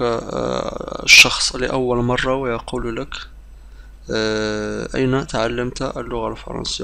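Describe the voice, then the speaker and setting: A man teaching a beginner language lesson, explaining briskly with some hesitations and repeating example phrases slowly like drills. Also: medium pitch, gravelly, bright, forceful tone.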